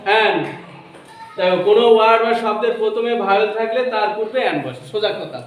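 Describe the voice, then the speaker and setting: A man teaches grammar to a class, firing questions and echoing back the answers. His voice sits high, and the classroom around him rings with strong echo. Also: quick pace. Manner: asks questions and repeats answers. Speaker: English teacher. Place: coaching classroom. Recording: very echoey classroom.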